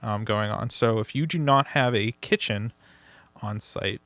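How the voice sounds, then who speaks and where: A man with a bright, forward voice co-hosts a casual beer podcast. He jokes and ribs his partner. The sound is dry and close. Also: on the low side, unhurried, no room sound. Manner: joking, teasing. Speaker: podcast co-host.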